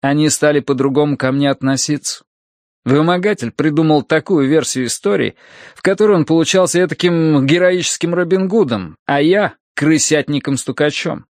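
A man narrating an audiobook in an expressive storytelling manner. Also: fairly high pitch, moderate pace, dry recording, clean studio sound.

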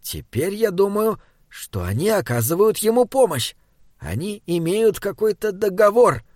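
A man's voice: high voice, sing-song, unhurried, darkish tone, dry recording, clean studio sound, voice pushed up. A man voicing a small, earnest male troll sage who speaks in stilted, oddly phrased sentences. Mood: pondering. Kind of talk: audiobook character reading.

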